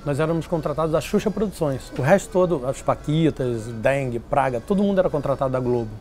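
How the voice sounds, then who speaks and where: A man telling stories in an interview, lively and acting out what others said. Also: medium pitch, quick pace, soft background music. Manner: animated, acts out quoted voices. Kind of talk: casual storytelling interview.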